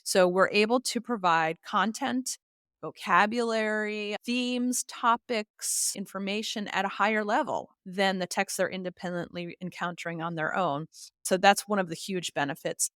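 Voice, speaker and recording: A woman with a medium-pitched, fairly bright voice answers interview questions as an expert guest, a literacy educator and author. Recorded in clean studio quality with no echo, she explains in an articulate, emphatic, teacherly manner using examples and lists.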